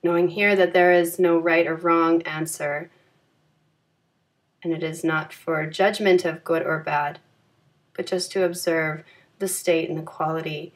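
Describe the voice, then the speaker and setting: The voice guiding this yoga nidra meditation belongs to a woman who speaks low-pitched, soothing, and gentle, keeping her phrasing calm and slow.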